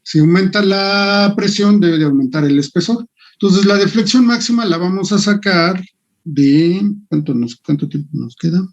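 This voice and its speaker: An engineering lecturer teaching an online class thinks aloud and mutters to himself while working on screen. His voice is high-pitched at a normal speed, and the recording has its highs cut off.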